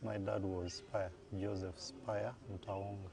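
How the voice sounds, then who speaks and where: A man in his forties with a Ugandan English accent, an interview guest recalling his family and schooling in a measured way, pausing to correct himself. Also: deep voice, flat delivery, creaky, crowd noise. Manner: measured, recalls details with pauses and self-corrections. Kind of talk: casual interview conversation. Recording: faint background noise.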